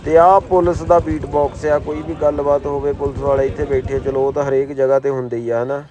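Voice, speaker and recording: A man's voice: mid-range voice, little pitch movement, a little fast, mellow. A man with an Indian Punjabi accent narrating a travel vlog in casual, slangy, exclamatory talk. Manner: colloquial, slangy, admiring exclamations. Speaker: travel vlogger.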